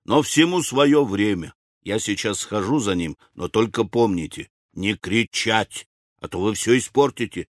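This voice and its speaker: Guy playing a calm scheming young fella, low and measured, hushed, dry sound. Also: no room sound. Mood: stern. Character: scheming level-headed young man. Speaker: audiobook character. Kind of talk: audiobook character reading.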